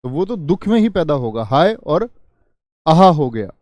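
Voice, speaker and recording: A man's voice: on the high side, very animated, measured pace, a little mellow, dry recording, clean studio sound. A man teaching a Hindi grammar class online, reading viewers' comments and acting out example exclamations. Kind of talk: online exam-prep class.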